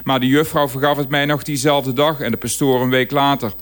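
A man's voice: mid-range voice, flat delivery, fairly quick, fairly bright tone. A man reading a written radio column aloud, dry and ironic in manner.

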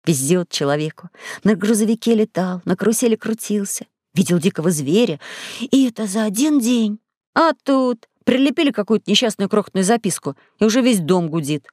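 A woman narrating a children's audiobook in a clear, even reading voice into a studio microphone. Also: mid-range voice, fairly quick, no echo. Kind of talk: scripted storybook narration.

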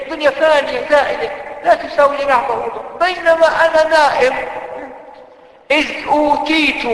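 A man with an Egyptian accent preaching a sermon, lively and full of rhetorical questions to his listeners. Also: extremely high pitch. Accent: Egyptian Arabic. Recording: echoey hall with long reverb.

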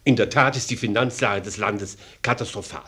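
A man's voice: fairly low pitch, moderate pace, bright, forceful tone, husky. A male actor playing a fretful, exasperated finance minister in a satirical radio play, with ornate, plaintive courtly speech. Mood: worried complaint.

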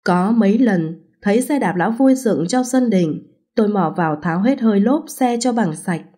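A woman narrating a first-person story as an audiobook, in an even, unhurried way. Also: medium pitch, husky.

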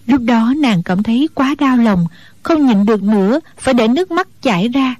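A woman narrating a martial-arts novel in a steady storytelling voice. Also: on the high side, moderate pace, no echo.

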